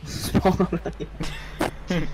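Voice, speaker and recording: A man chatting casually and joking loudly while playing an online game with friends on a headset mic. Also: drawn-out words, over loud music, rough recording. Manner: animated, jokey, loud bursts. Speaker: gamer. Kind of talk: casual gaming chat with friends.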